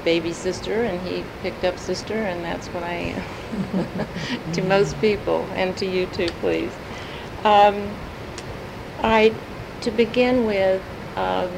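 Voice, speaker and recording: Lady doing oral history interview, creaky lowish voice, careful, hummy noisy tape. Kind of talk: formal recorded interview. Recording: noisy tape with humming room rumble.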